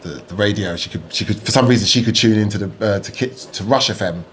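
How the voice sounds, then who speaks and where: A man's voice: fairly low pitch, fast, fairly bright tone, a little hiss or hum. A man, chatting casually as podcast host, rambling with many fillers and restarts. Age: 40s. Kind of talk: casual chat.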